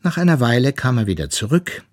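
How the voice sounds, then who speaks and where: A man narrating a children's story aloud in an expressive, unhurried way. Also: medium pitch.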